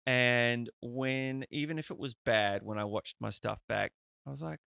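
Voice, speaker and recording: A man's voice: mid-range voice, unhurried, vocal fry, sharp tone, smooth, no echo, studio quality. A man, hosting a podcast in a chatty, rambling way and swearing freely. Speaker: podcast host. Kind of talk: casual conversational interview.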